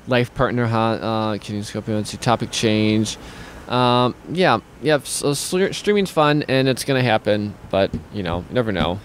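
A man's voice: lowish voice, lively intonation, a little slow, a little hiss or hum. A young man hosting a casual talk stream from a small home studio on a headset and studio mic, rambling with many restarts as he reads viewer comments. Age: young adult. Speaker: host of a streaming talk show. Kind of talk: casual video-call chat. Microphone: studio mic with headphones.

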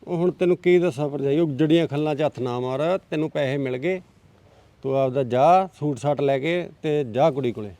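A man's voice: on the high side, moderate pace, warm tone, dry recording, close to an everyday voice. A man playing a blunt, impatient village man in a village drama. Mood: gruff. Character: gruff village man sitting at the bar. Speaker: brother-in-law.

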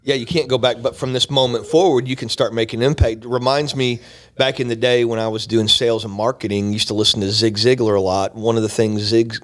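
A man in his fifties co-hosting a church podcast, talking in an earnest, rambling way full of asides, close on a boom mic in a small studio. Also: fairly even intonation, fairly quick. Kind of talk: casual chat. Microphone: boom mic close to mouth.

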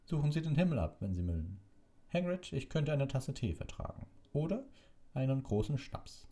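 A man voicing an old male headmaster who speaks calmly with amused, gently ironic courtesy. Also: mid-range voice, moderate pace, voice pushed up, natural voice.

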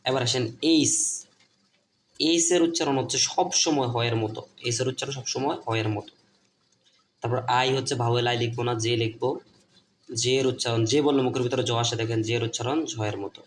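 Man, Bangladeshi Bengali accent, teacher at a board, repeats himself, asks and answers his own questions, mid-pitched voice, faint noise behind. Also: fairly even intonation, brisk.

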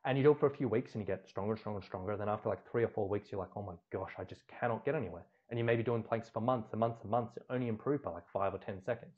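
A strength coach in his thirties teaches a slide lesson over webcam from an indoor room, shown in a corner circle. His fairly low voice is rapid-fire with few pauses, chatty and repeating words for emphasis. The recording is muffled.

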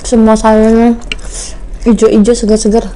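A woman's voice: fairly high pitch, a little slow, a little hiss or hum. Young woman talking while chewing. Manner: muffled, relaxed food commentary. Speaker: mukbang vlogger. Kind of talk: casual eating vlog.

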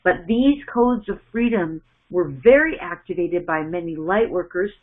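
Middle-aged woman, spiritual channeler, slow halting delivery with repeated words, narrow phone-like earphone-mic sound. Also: fairly low pitch. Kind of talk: channeled message in first person plural. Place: small indoor room at home. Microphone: wired earphone mic on a webcam call.

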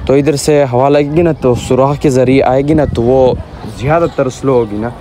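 Holding his phone at arm's length, a vlogger in his twenties shows viewers around a house and yard, moving between a rooftop and a village yard and adding "na" to his lines as he points at things. He speaks at medium pitch with fairly even intonation and a moderate pace. Birds and other outdoor sounds fill the background.

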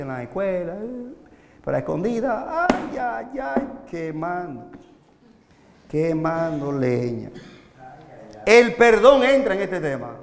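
Animated man preaching in a hall. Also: a little high, slight background noise. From Dominican Republic. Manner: animated, rhetorical questions, swings loud and soft. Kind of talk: live sermon to young people. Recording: echoey hall, long reverb.

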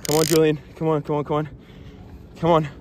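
A young man on a pier outdoors, excitedly urging his mate on and exclaiming as he lands a fish. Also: fairly high pitch, fast. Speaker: angler. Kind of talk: live excited commentary. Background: loud music.

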